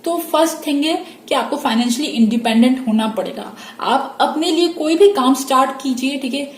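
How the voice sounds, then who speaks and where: A woman's voice: high-pitched, moderate pace, echoey room. A woman giving a pick-a-card tarot reading, reassuring her viewers and often checking in with them. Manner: warm reassuring, mixes English phrases, frequent "theek hai" check-ins.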